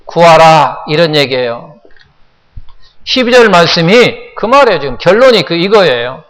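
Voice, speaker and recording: A Korean pastor preaching a sermon, often putting questions to the congregation and repeating phrases for emphasis. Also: male voice, fairly high pitch, big pitch swings, moderate pace, fairly bright tone, in a large hall, poor audio. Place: church sanctuary.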